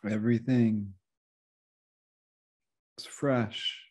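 A male meditation teacher guides a session, speaking gently and without hurry, leaving long pauses. His voice is lowish and his tone stays steady.

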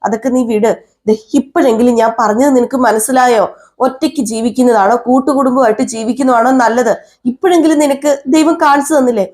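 A woman's voice: fairly high pitch, a little mellow, lightly acted. A woman voicing a brave, protective young woman who earnestly lectures and reassures a frightened friend.

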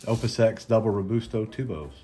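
A man with a Southern accent, hosting a casual unboxing chat in an unhurried, halting way with many ums and restarts. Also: fairly low pitch, warm tone, soft background music. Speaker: cigar channel host.

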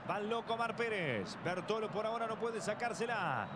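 A man's voice: high-pitched, lively intonation, fairly quick. A man with a Uruguayan accent giving breakneck, exclamatory football goal commentary full of colourful catchphrases. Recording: loud stadium noise behind the voice. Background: football stadium ambience.

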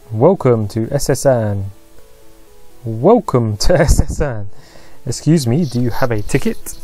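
A man's voice: mid-range voice, warm tone. A man hosting a let's play, giving casual commentary and reading game text aloud with wry remarks.

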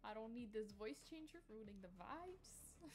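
A young woman streaming a game, chatting softly and giggling often, with a slight sore throat and a little cough. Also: fairly high pitch, animated, measured pace. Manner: soft-spoken and giggly. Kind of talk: casual gaming stream chat.

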